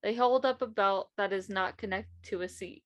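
A woman co-hosting a comedy podcast, reading a silly bot-written airline safety script with deadpan delivery and giggles. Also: medium pitch, normal speed, dry recording. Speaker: podcast co-host.

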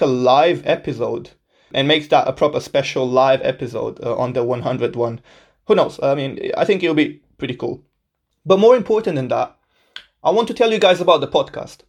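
This podcast host is a native Portuguese speaker from Portugal, a man in his twenties. His voice runs fairly high and expressive, a little quick, as he kicks off his solo episode in a relaxed, cheerful, self-mocking style.

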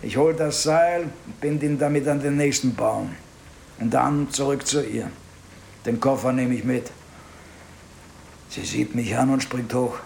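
Man voicing a rough suspect, gravelly, coarse, boastful, radio play, faint hiss. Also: mid-range voice, measured pace, pauses often, a little mellow. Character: rough male suspect confessing to police.

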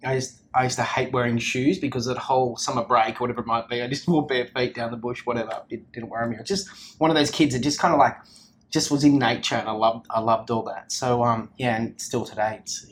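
In an office interview, an Australian founder talks energetically and casually in a mid-range voice. He rambles, often restarting and filling gaps with fillers, and the audio carries a slight hiss or hum.

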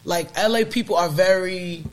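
A man with a slightly raised voice in a loose, casual chat. He talks in an animated way and repeats points to drive them home. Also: sits high, normal speed, poor audio.

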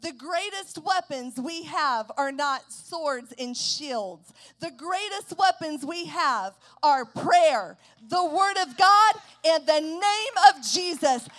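Slow, high-voiced woman preaching a fiery sermon. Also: expressive. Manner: declaiming a war-like declaration, slow and emphatic, rising to loud shouts. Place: church service.

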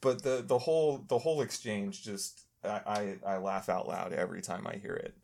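A man's voice: on the low side, moderate pace, vocal fry, a little mellow. A man co-hosting a podcast, casually chatting about a comedy film, laughing often and restarting his sentences. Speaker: podcast co-host. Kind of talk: casual film review chat.

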